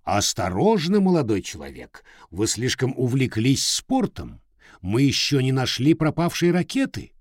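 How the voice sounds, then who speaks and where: A man voicing a calm, kindly middle-aged professor in a read-aloud storybook, speaking in a measured, reassuring way. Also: medium pitch, dry recording, studio quality, pitched above the performer's own voice.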